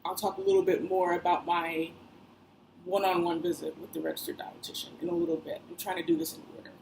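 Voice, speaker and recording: A rough recording with faint background noise captures a young woman vlogging casually about her life. Her lowish voice has vocal fry, and her talk wanders, loaded with fillers and side remarks.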